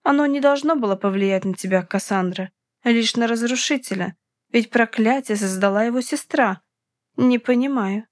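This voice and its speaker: A woman's voice: on the high side, normal speed, no room sound, clean studio sound, natural voice. A woman reading an audiobook, voicing a cunning male spy who speaks in a cool, mocking way. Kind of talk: audiobook character voice.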